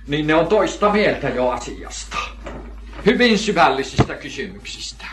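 A man's voice: on the high side, big pitch swings, background noise. An older man preaching a sermon, emphatic, asking questions and answering them himself, repeating key phrases.

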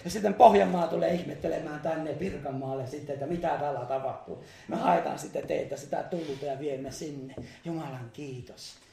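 A man's voice: on the high side, gravelly, warm tone, roomy sound. A man preaching a charismatic sermon, fervent, breaking into hallelujahs and laughter. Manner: fervent, exclaims hallelujah, laughs between phrases. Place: church meeting hall.

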